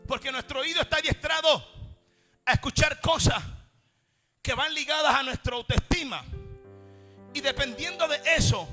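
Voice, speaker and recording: Male preacher, very high and sharp tone, impassioned sermon cadence, soft music under him. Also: moderate pace, pauses often. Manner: impassioned, repetitive preaching cadence, swinging between shouting and quiet.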